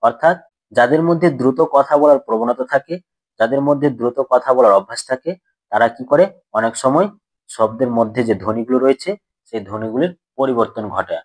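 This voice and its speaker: Male teacher, grammar lesson, husky voice, dry close sound, asks and answers own questions. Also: medium pitch, moderate pace, dry recording, rough recording. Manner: asks questions then answers them himself, repeats key points. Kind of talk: grammar lesson for school students.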